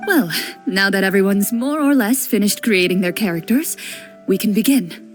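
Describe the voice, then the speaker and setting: A woman voicing a composed woman who runs the game and explains its rules calmly. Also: mid-range voice, faint music behind, natural voice. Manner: calm, explanatory, measured. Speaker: game master. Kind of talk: game voice acting.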